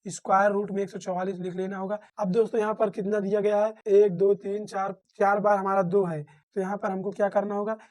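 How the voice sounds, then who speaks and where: Tutorial teacher, mid pitch, walks through each step slowly, keeps checking in with "friends.". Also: little pitch movement, darkish tone. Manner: calls listeners "friends" often, asks and answers own questions; repeats and rephrases steps. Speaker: math teacher. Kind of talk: step-by-step math lesson.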